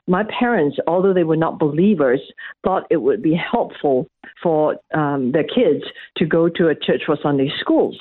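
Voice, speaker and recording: A middle-aged Malaysian woman, an academic guest, answers interview questions in a low-pitched voice, hesitating and restarting often. There is no echo, but the phone line makes her sound tinny.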